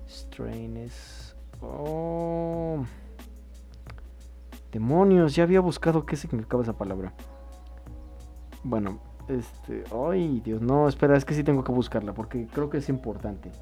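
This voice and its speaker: Man, podcast co-host, mellow tone, lively and loose, faint music bed. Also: mid-range voice, measured pace, long pauses. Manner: animated, swearing, thinks aloud with restarts. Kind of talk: casual chat about song lyrics.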